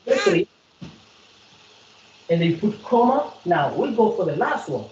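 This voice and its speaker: South African female maths tutor, lively coaxing delivery, muffled roomy recording. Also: mid-range voice, moderate pace, background noise. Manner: repetitive, coaxing, quizzes the student. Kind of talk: one-on-one maths lesson.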